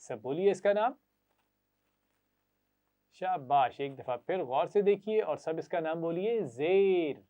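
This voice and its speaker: A man, teaching children Quran reading, slowly drilling sounds and asking them to repeat after him with praise. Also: fairly high pitch, dark tone. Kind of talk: children's recitation lesson. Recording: tinny phone-like lo-fi audio.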